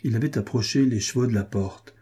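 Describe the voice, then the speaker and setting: A man narrating an audiobook in a measured, even reading. His voice is dark and husky, low in brightness and a little rough. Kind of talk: scripted narration.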